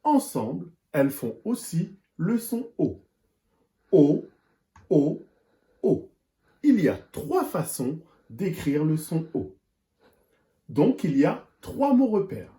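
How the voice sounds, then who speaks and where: Slow, husky-voiced teacher drawing out words. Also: medium pitch, big pitch swings, warm tone. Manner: slow, deliberate, repeats and stretches words. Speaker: primary school teacher. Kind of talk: recorded reading lesson for young children.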